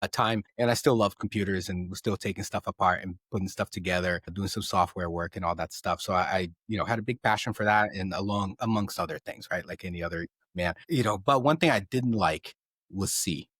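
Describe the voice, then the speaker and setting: A man in his thirties, raised in Brazil, telling his story in a casual interview, energetic, often adding "right?" and repeating words. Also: low-pitched, brisk, breathy edge, no room sound. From Southeast Brazil. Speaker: guest.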